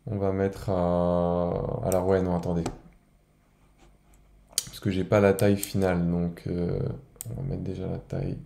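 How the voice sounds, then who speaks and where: A man from France, giving a casual improvised software tutorial and thinking aloud step by step. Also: sits low, monotone, unhurried, gravelly, long pauses, roomy sound. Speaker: video editing tutorial presenter.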